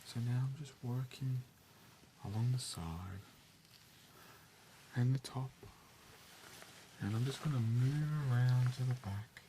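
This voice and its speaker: A man doing an ASMR role-play as a scalp examiner, speaking softly, soothingly and reassuringly with unhurried instructions. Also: medium pitch, a little hiss or hum, low-quality recording. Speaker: ASMR performer playing a scalp-check examiner.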